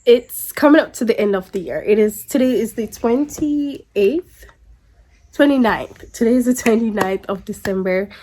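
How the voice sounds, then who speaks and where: Congested from a cold, a young vlogger talks rambling and chatty to her camera, restarting often. Her voice is a little high with a dark tone, at a moderate pace.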